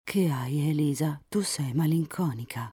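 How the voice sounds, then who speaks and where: A proud young count of twenty-four, earnest and sincere, read by a woman storyteller. The voice stays low and mellow, dropping at times to a hush. The recording is dry and close. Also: a little slow, husky, no echo, exaggerated voice. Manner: earnest, sometimes hushed to a whisper.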